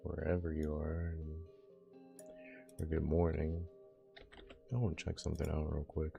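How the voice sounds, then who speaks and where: A man's voice: extremely low pitch, little pitch movement, moderate pace, gravelly, dark tone, soft background music. A young man streaming a game, chatting casually with his viewers in a laid-back, slangy way. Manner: laid-back, slangy, talks to chat and himself. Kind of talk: casual live-stream chat.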